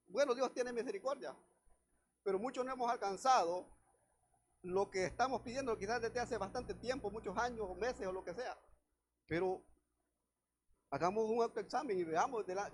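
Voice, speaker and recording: High-voiced man preaching. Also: a little hiss or hum. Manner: preaches directly to the congregation, often calling out "hermano"; reads scripture aloud and then explains it. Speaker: pastor. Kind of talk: sermon.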